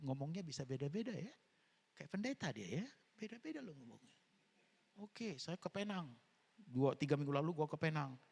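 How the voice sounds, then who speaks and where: Indonesian male pastor, animated sermon delivery with sudden loud bursts. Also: long reverb tail. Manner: animated storytelling, mixing in English and slang, sudden loud high bursts. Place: church auditorium.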